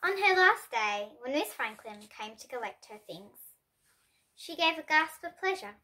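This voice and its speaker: In a bright, sharp recording, a young girl reads a picture book out loud, unhurried and very animated. Her voice is high and clear, and she gives the characters' lines expression by raising her tone for each one.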